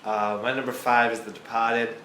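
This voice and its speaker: A man's voice: mid-range voice, little pitch movement, normal speed, bright, forceful tone, reverberant, a little hiss or hum. A man co-hosting a casual film chat, enthusiastic and fond of quoting lines. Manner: enthusiastic, quotes movie lines. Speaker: podcast co-host.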